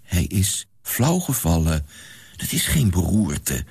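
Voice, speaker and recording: A man's voice: low voice, big pitch swings, takes it slowly, darkish tone, breathy edge, no echo, exaggerated voice. A man voicing a level-headed young traveller who speaks firmly and plainly. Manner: firm, explaining.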